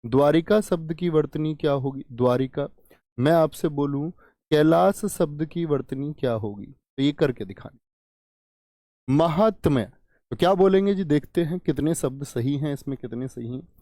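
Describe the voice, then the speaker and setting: A man teaching a Hindi exam-prep class online. He asks a question again and again, reads out students' names from the chat, and stretches words out slowly syllable by syllable before he gives the answer. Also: a little high, animated, mellow, dry recording, studio quality. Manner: quizzes students with repeated questions, then answers them.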